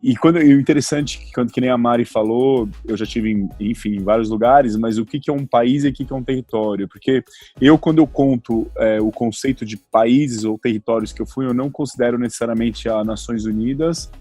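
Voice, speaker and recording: A man's voice: medium pitch, fairly quick, dark tone, no echo, soft background music. Hesitant São Paulo man in his forties. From Brazil (São Paulo). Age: 40s. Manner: hesitant, many restarts and fillers. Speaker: guest traveler. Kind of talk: casual interview talk.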